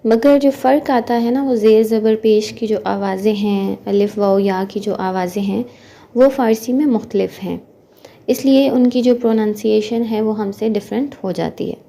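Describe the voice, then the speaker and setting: Gravelly-voiced woman teaching a language lesson. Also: medium pitch, moderate pace, mellow. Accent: Urdu-speaking. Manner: patient, explains step by step, often checks with "theek hai".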